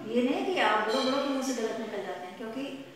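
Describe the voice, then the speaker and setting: A woman teacher explaining a practical lesson, repeating points patiently and reading English tongue twisters slowly and deliberately. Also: fairly high pitch, lively intonation, a crowd in the background. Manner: repetitive and explanatory, mixing Hindi with English phrases. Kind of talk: recorded classroom lesson. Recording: very echoey hall.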